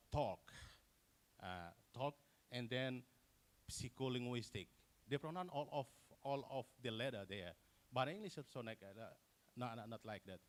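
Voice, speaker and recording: Halting man presenting research. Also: mid-range voice. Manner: halting, many fillers and restarts. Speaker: conference presenter. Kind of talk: academic conference presentation.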